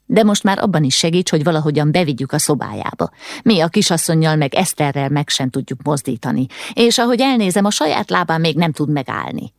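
A woman's voice: low-pitched, expressive, gravelly, no room sound, studio quality. A woman voicing an old household cook who fusses and scolds in a motherly way. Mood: relieved. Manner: fussing, scolding.

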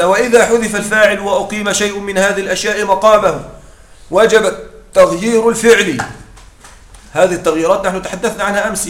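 A man teaching a grammar lesson, often checking that his students follow and reciting quoted lines slowly. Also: high-pitched, a bit bright, reverberant. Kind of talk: classroom lesson explaining a text.

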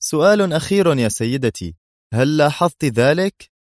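A man reading a story aloud, voicing a calm, cold and sarcastic male spy hero. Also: mid-range voice, moderate pace, no echo, studio quality, voice pushed up, natural voice.

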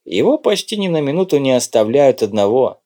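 A man reading an audiobook, voicing a brisk, curt undercover agent. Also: mid-range voice, big pitch swings, mellow, close to an everyday voice. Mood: tense. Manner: brisk, clipped, occasionally snappish. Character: cool, curt male undercover agent in his prime.

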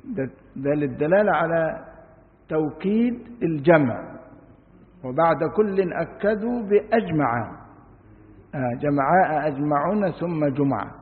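An Egyptian sheikh gives a religious lesson, reading classical lines and then explaining them casually with questions to his listeners. His voice is high. The sound is thin and phone-like, with a long hall echo behind it. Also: expressive, unhurried, long pauses. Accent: Egyptian Arabic. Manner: reads classical passages, then explains in colloquial speech with rhetorical questions. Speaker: sheikh teaching Quran commentary.

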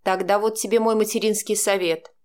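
A woman's voice: medium pitch, fairly even intonation, a little fast, darkish tone, smooth, close to an everyday voice. A woman voicing a cold, sarcastic middle-aged mother who speaks in a cutting, scornful way.

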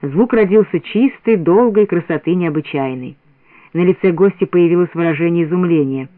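A man narrating a story as a scripted radio reading in a steady storytelling manner. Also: fairly high pitch, moderate pace, no room sound. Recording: dry, narrow radio sound.

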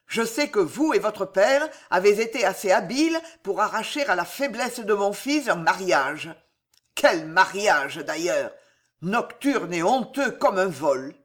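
A woman voicing a harsh old male constable in an audiobook, speaking gruffly and with scorn. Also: medium pitch, very animated, drawn-out words, few pauses, a little mellow. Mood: furious. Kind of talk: audiobook reading.

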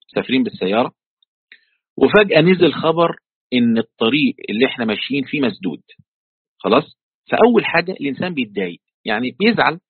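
Over a tinny online call via a computer mic, an Egyptian-accented man with a slightly high, somewhat rough voice teaches tafsir. He uses everyday colloquial Arabic and daily-life examples to explain the religious text, with no room sound.

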